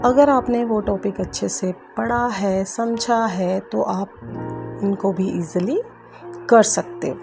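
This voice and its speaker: A woman's voice: mid-range voice, slow, gravelly, music in the background. A woman from India with an Indian accent teaching English grammar in a patient, repetitive way, speaking to her students as kids. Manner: patient, repeats key points, addresses students as kids. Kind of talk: grammar lesson explaining at a board.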